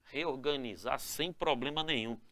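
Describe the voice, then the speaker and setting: A man teaching a spelling lesson with lots of energy, calling his viewers "galera" and checking in with "né?" and "tá?" after each point, and drawing out key words slowly to stress them. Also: medium pitch, dry recording. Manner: energetic, calls the viewers "galera" and "moçada", ends phrases with "né?" and "tá?". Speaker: Portuguese grammar teacher. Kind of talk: lively spelling lesson to camera.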